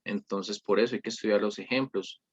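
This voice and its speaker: A man's voice: on the low side, fairly even intonation, brisk, breathy edge, muffled recording. Patient man teaching English. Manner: patient, repeats "¿listo?" often; corrects himself mid-sentence. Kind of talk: screen-recorded lesson review.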